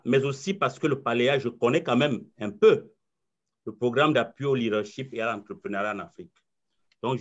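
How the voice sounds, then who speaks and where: A coach and trainer from Cameroon, a man in his forties, gives a webinar presentation over a video call. His medium-pitched voice has a fairly bright tone, and he speaks earnestly and self-assuredly, often repeating words as he thinks, with slightly muffled audio.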